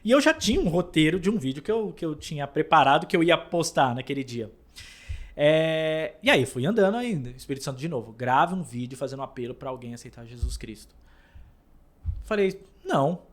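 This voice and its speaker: A man with a slightly high voice shares a personal faith testimony as a guest. His telling is animated: he jumps up in pitch and loudness, then drops to near-murmurs, and he often stumbles over repeated words. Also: brisk.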